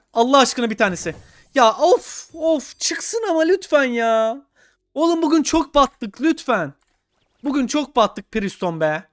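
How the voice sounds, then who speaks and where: A young gaming YouTuber comments on his own gameplay, pleading with the game and swinging between low muttering and loud shouts. The recording is studio quality with no echo.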